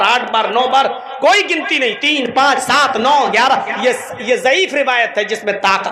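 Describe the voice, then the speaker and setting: A man's voice: very high voice, echoey room. A man giving an Islamic sermon, emphatic and full of rhetorical questions, now and then chanting prayers. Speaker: Islamic preacher. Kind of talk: religious lecture.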